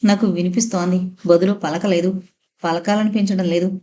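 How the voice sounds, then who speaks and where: A woman's voice: on the low side, steady tone, moderate pace, warm tone. A woman narrating a novel aloud in the first person, with an emotional reading style. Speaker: audiobook narrator.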